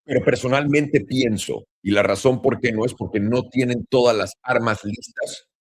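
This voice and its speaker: A man with a Mexican Spanish accent rants to the camera as a crypto trading commentator. He talks in a blunt, profane and sarcastic way, in a voice of ordinary middle pitch. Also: moderate pace. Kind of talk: casual ranting monologue.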